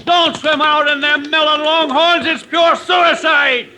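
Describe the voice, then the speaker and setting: An actor playing an anxious, crusty American trail boss in a radio western, folksy and exclamatory. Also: male voice, extremely high pitch, fairly even intonation, measured pace. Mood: alarmed, urgent. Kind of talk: 1950s radio western acting. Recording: noisy old radio recording.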